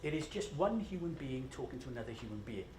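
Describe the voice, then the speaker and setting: Very animated and fast, with a medium pitch and a slightly mellow quality, a Scottish man delivers a conversational, self-deprecating conference talk. Jet lag shows, and he fills it with fillers. The large room sounds echoey, with faint noise.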